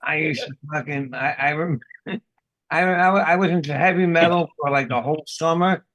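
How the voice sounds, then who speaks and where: A man's voice: on the high side, moderate pace, fairly bright tone, dry recording. A middle-aged man from the Bronx, a podcast host swearing and laughing through casual stories. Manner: profane, laughing storyteller. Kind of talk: casual chat.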